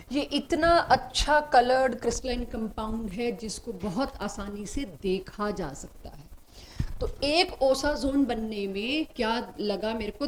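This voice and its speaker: A woman's voice: fairly high pitch, darkish tone, slight background noise, poor audio. A woman teaching chemistry in a recorded lecture who asks her class questions and answers them herself, switching into English phrases.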